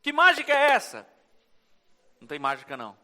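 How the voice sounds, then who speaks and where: A man's voice: very high voice, wildly swooping pitch, a little fast, sharp tone. A male pastor with a Brazilian Portuguese accent preaching a sermon in a church, acting out short dialogues as he goes. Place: church sanctuary. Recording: church hall reverb.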